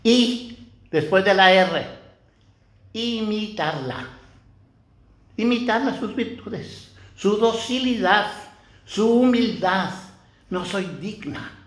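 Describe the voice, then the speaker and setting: Older priest, slow and unhurried, echoey church. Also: male voice, sits high. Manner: conversational, asks the listeners rhetorical questions. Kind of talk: homily.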